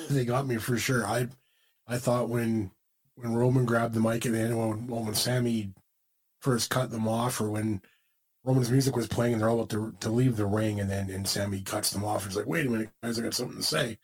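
A husky-voiced man co-hosting a podcast. He chats casually, rambling and restarting his sentences as he goes. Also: on the low side, little pitch movement, normal speed, a little mellow, poor audio. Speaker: podcast co-host. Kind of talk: casual wrestling chat.

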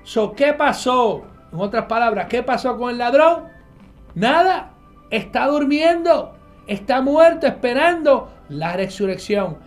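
A man's voice: very high voice, animated, measured pace, soft background music. A man preaching a nightly online Bible teaching, emphatic, asking questions and answering them himself. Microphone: live stream with viewers connected.

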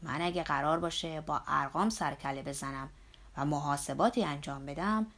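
A woman doing a blunt, grumbling old laborer. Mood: exasperated. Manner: lower pitched, loud and scolding. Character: earthy older male laborer, blunt and grumbling. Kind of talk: audiobook character voice.

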